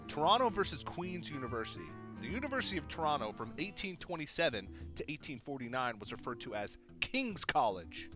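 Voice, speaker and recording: A young man casting a collegiate card game tournament, with playful, chatty banter between matches. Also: on the high side. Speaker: esports caster. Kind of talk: tournament commentary.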